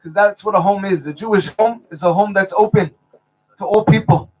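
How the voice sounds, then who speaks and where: A man with a high voice speaks at a wedding under a chuppah. He tells stories and jokes to the bride and groom, and he mixes Hebrew blessings into his talk. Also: brisk, poor audio. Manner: warm storytelling with Hebrew blessings. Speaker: wedding officiant.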